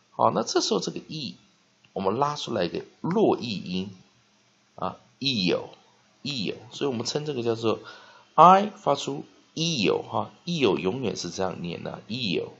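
A man teaching spelling and pronunciation, dotting his speech with "ah" and "ha" and slowly drawing out words to model them. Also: on the low side, vocal fry, slight background noise. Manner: frequent "ah" and "ha" fillers, slow drawn-out modeling of words. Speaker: English teacher. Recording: dull lo-fi recording.

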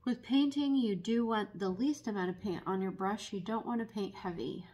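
A woman teaching barn quilt painting at a table in a casual, unhurried tutorial full of ums. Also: medium pitch, darkish tone. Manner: unhurried, many ums, explanatory. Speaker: painting instructor and paint retailer.

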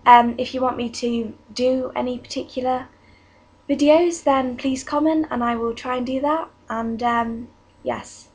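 Teen girl vlogger, fairly high, husky voice, chatty and exasperated. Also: steady tone, a little slow, darkish tone. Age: teens. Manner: exasperated, chatty, many restarts and "like". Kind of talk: casual ranting vlog. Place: bedroom at home.

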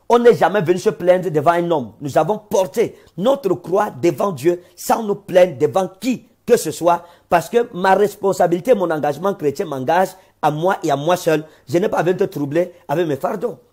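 Solemn, husky-voiced preaching man. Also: high voice, a little mellow. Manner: slow, solemn preaching with repetitions. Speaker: pastor. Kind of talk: sermon testimony on a livestream.

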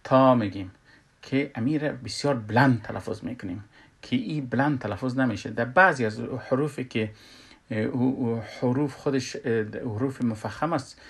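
A man's voice: medium pitch, vocal fry, breathy edge. Hesitant man with an Afghan Dari accent. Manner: hesitant, many filler sounds, sounds out letters loudly. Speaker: Quran recitation teacher. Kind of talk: tajweed lesson.

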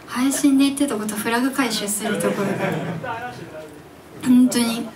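A young woman in her twenties, a singer chatting with her audience at her own live show, animated and giggly as she tells stories. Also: fairly high pitch, moderate pace, crowd noise. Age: 20s. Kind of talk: casual stage MC chat with the audience. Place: live music venue stage. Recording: distant mic in a live club, faint background noise.

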